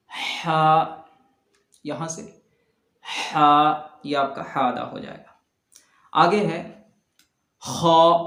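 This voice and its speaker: A man teaching Quran letter pronunciation step by step, patiently repeating each sound slowly and loudly. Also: a little high. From South Asia. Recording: echoey room.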